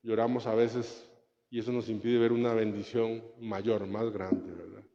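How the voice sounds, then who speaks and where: A man's voice: on the low side, flat delivery, measured pace, gravelly, mellow. A man, a priest, giving a conversational homily with anecdotes and rhetorical questions. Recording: muffled sound with long church reverb.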